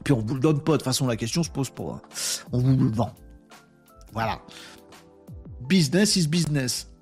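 A man's voice: medium pitch, expressive, normal speed, darkish tone, soft background music. A man hosting a live webinar, talking casually and with energy, using slang and addressing his chat viewers directly. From France. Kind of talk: casual live-stream talk.

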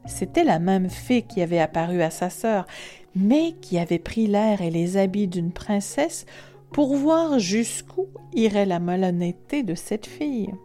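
A woman reading a classic fairy tale aloud in a measured storytelling manner. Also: mid-range voice, lively intonation, mellow, soft background music. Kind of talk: scripted narration.

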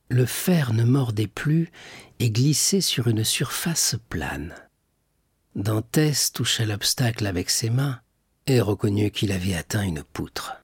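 A man reading a classic novel aloud in measured, dramatic narration. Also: mid-range voice, darkish tone, husky, dry recording, clean studio sound. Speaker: audiobook narrator.

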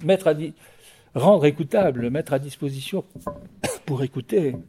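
A man's voice: fairly high pitch, lively intonation, unhurried, warm tone, slight background noise. A man over fifty, a guest in an interview, speaking with passion while often stumbling and repeating his words. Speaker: guest, record producer and music writer. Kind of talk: radio interview.

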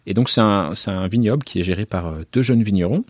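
Homme à la voix grave, ton hésitant. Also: male voice, lowish voice, fast, a little mellow, dry recording, studio quality. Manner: hesitant, many fillers, descriptive. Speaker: podcast host. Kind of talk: casual wine-tasting chat.

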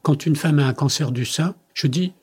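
Older man, husky voice, interview guest, conversational storytelling, acts out quoted dialogue. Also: a little high, normal speed, darkish tone. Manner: tells anecdotes by acting out quoted dialogue. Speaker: company president interviewed as guest.

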